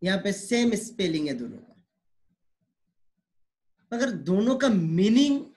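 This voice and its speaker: A man teaching English pronunciation, explaining slowly and repeating words, mixing with English phrases. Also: high-pitched, sing-song, darkish tone. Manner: slow, repetitive explaining, mixing Hindi and English.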